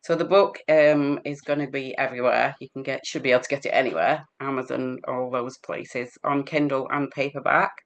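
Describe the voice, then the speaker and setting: A woman with an English accent, a healer guest in an interview, chatting and telling stories quickly, laughing as she goes. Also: a bass voice, fairly even intonation. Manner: quick-talking. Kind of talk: casual interview storytelling.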